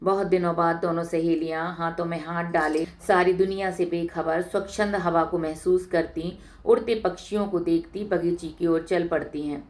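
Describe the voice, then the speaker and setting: A woman narrating her own story with a measured, expressive reading. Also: on the low side.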